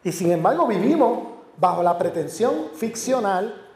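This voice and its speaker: A university professor with a high, slightly mellow voice delivers an academic lecture a little slowly but very animatedly. He stresses points by repeating and listing words, and the lecture hall makes the recording echoey.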